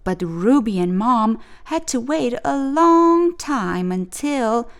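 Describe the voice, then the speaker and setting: In a slightly high voice, a woman slowly reads a picture book for children. She tells the story expressively, shaping each phrase clearly.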